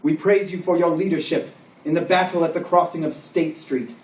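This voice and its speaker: A man's voice: fairly high pitch, fairly even intonation, moderate pace, a little mellow, lightly acted. Man playing a grand medieval king, roomy sound. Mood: solemn praise. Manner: grand, formal, declamatory. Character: solemn, proud medieval king knighting his men. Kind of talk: ceremonial scripted speech. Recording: roomy, distant microphone, faint background noise.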